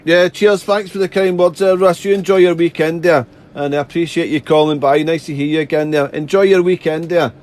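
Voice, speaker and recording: A man's voice: fairly high pitch, fairly even intonation, brisk, hardly any pauses, a little mellow, slight background noise. A man making amateur radio contacts, chatty and polite, repeating himself and spelling out callsigns phonetically. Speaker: amateur radio operator, live streamer. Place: radio desk indoors.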